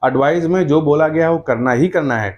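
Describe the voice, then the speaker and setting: A man teaching an English grammar class, explaining step by step and slowing right down to dictate example sentences word by word. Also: a little high, muffled recording. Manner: explains step by step, checking with "correct?" and "okay?".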